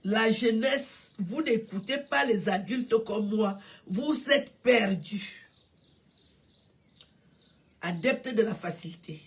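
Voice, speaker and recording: An older woman, tearful and halting, repeating herself as she pays tribute on a phone live stream. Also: mid-range voice. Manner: halting, repetitive, stammering. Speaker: livestreamer paying tribute.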